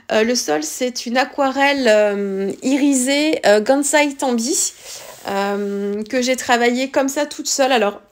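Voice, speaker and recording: A woman explains her watercolor craft steps, her voice sitting a little high. She talks loosely and hesitantly, stopping often with fillers and backing up mid-sentence. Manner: hesitant, many fillers and restarts. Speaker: scrapbooking crafter. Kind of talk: casual craft tutorial narration.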